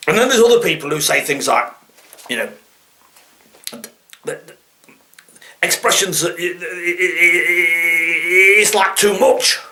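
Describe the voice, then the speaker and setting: A man's voice: high voice, unhurried, long pauses, sharp tone. A man with a Nottingham East Midlands accent giving a comic, rambling monologue to viewers, grumbling in mock annoyance and stammering over repeated words as he digresses. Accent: East Midlands English, Nottingham. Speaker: comic dialect vlogger.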